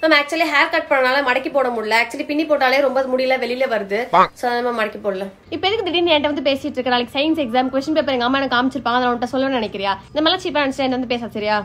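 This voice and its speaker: A woman's voice: high-pitched, very fast, a bit bright. A young woman acting out different types of schoolgirls in a comedy sketch, pleading, bossy and sarcastic by turns.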